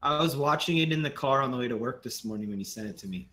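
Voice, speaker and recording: A man's voice: mid-range voice, animated, quick pace, fairly bright tone. A young man co-hosting a podcast, ranting and joking in loose, profane casual chat. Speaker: podcast co-host.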